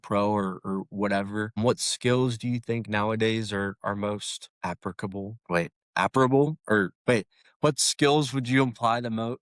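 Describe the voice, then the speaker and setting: A man's voice: on the low side, no echo, clean studio sound. A young man hosting a podcast interview, talking casually and rambling with many restarts. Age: young adult. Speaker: podcast host.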